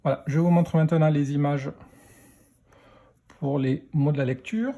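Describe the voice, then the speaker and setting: A man teaching a children's reading lesson, slowly sounding out letters and syllables one by one. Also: a little high, steady tone, warm tone, dull audio. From France. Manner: slow, spelling out sounds letter by letter.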